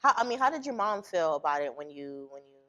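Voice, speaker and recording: A young adult woman hosting an interview show, chatty and animated, often restarting her sentences. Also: low voice, fast, lo-fi sound. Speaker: host.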